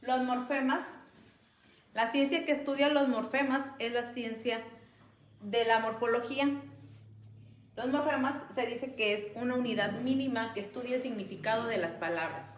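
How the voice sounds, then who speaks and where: A woman explaining a lesson slowly and carefully, stressing the example sounds. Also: fairly high pitch, echoey room. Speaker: student presenter. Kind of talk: educational explanation.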